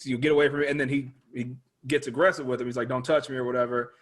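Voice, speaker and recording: A man in relaxed conversation who lays out a show's story point by point and drops into quoting the characters along the way. His pitch sits in the middle of the usual range for a man. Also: very fast. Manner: explains plot step by step, quotes characters. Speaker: podcast guest. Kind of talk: casual chat recapping a TV show.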